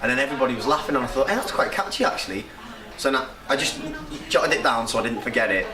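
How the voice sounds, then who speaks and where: A man's voice: medium pitch, lively intonation, quick pace. A young man with a North Wales accent, chatting casually and rambling in an interview, laughing often. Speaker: upcoming rapper. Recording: echoey room from a distance with crowd noise.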